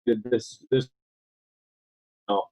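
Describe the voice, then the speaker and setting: A man's voice: medium pitch, fairly even intonation, drawn-out words, dark tone. A man giving a formal policy presentation to a council over a remote call, earnest and full of "uh", while his audio keeps cutting out. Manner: earnest, with frequent "uh" and repeated words. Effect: audio cutting out on a bad connection.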